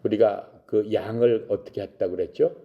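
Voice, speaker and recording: A man's voice: lowish voice, fairly even intonation, normal speed, creaky, highs cut off. A man telling a Bible story to young people, asking questions and answering them himself. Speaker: Bible teacher for youth.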